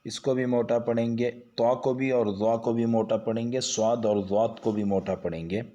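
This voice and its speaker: A man's voice: medium pitch, fairly even intonation, mellow, muffled recording. Patient male Quran teacher drawing syllables out. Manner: stretches each syllable slowly and patiently, explaining pronunciation. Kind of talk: slow drawn-out recitation lesson.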